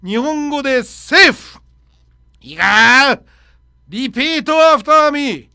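A radio host acting out a rough, shouting high-school karate-club teacher drilling his students. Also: animated, slow, no echo, studio quality, full character voice. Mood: bellowing.

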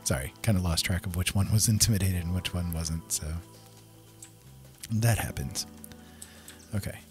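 At a normal pace, a man with a low, slightly mellow voice hosts a gaming video. He thinks out loud in a relaxed way as he plays through the game, with its soundtrack music in the background.

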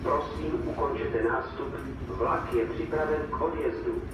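Male station announcer, formal and impersonal, measured phrasing, heard over distant, heavily reverberant platform loudspeakers. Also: a little high. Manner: measured, segmented, impersonal public-address delivery. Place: railway station, over public-address speakers. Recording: echoey station loudspeakers from far off, noisy.

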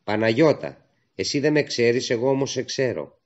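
A man's voice: mid-range voice, expressive, dull audio, lightly acted. A man doing a spirited young woman. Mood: teasing. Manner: quick, bright, insistent questions. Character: eager spirited young woman resistance worker.

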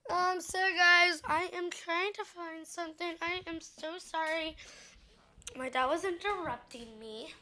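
A woman's voice: very high voice, bright, forceful tone, a little hiss or hum. A young girl in a casual food vlog at home, chatty and giggly, often saying sorry, talking into a camera mic. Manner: chatty and giggly, quick to apologize. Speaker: vlogger. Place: home, indoors.

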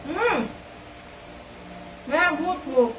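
An older woman hosting a casual home vlog with her mother, coaxing her through exercises, counting aloud and laughing often. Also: very slow. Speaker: host, daughter of her mother. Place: indoors at home. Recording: roomy, distant mic, noticeable background noise.

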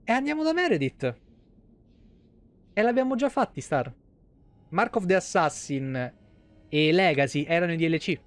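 At normal speed and with frequent pauses, a man in his thirties speaks in a fairly high, sing-song voice marked by a central Italian, Roman accent. Hosting a live stream from his home setup, he thinks aloud through the game in colloquial, salty-tongued commentary.

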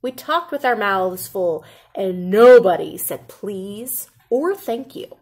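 A woman in her thirties reading a children's picture book aloud in an expressive, deliberate way, like a teacher. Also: medium pitch. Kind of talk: animated children's storybook read-aloud. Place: indoor classroom.

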